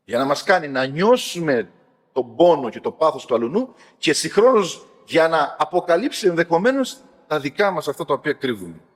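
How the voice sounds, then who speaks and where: A man, a priest, retelling stories of elders in an animated sermon, swinging between loud and soft. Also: a little high. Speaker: priest giving talks. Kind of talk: sermon-like storytelling talk. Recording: long hall reverb.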